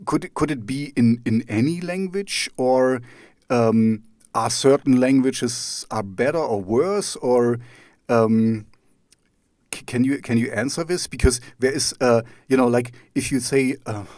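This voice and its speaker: An East German radio talk show host with a German accent runs a casual conversational interview, rambling, hesitating and circling each question from several angles. His medium-pitched voice is a little mellow and moves at a moderate pace, captured very dry with no room sound or echo.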